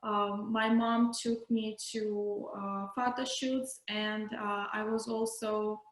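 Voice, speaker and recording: A young woman from Ukraine, answering interview questions over a video call, hesitant with many pauses and fillers. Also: medium pitch, little pitch movement, echoey room. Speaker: interview guest, model. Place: home room indoors.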